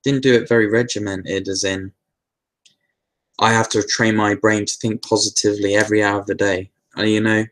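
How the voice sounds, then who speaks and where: A man hosting a casual live Q&A, answering viewer questions in a relaxed, meandering way with lots of fillers and restarts. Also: lowish voice, normal speed.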